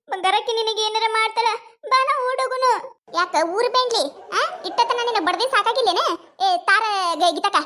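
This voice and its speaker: Woman voicing a shrill, quarrelsome village wife. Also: pushed and bright. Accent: North Karnataka Kannada. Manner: shrill scolding, wailing and mocking. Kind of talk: cartoon comedy voice acting.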